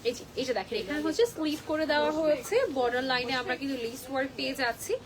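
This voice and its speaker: A young woman selling clothes live, her coming through as she talks in a quick, high voice. She sounds a little unwell, yet stays chatty and drops in English phrases. The clear chatter of a busy shop crowd runs behind her. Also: steady tone. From Bangladesh. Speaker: live-stream clothing seller. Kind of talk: live shopping sales pitch.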